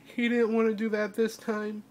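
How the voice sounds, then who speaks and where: A tearful woman records a personal video diary in a flat, even voice that barely rises or falls. She speaks haltingly, trailing off and starting her sentences over as she cries. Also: fairly high pitch. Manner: halting, with broken-off restarts. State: crying. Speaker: vlogger.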